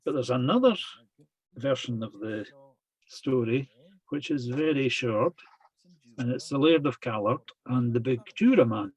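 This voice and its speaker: A man giving a lecture that retells traditional tales, speaking in a halting, deliberate way. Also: mid-range voice, darkish tone, slightly rough, lo-fi sound.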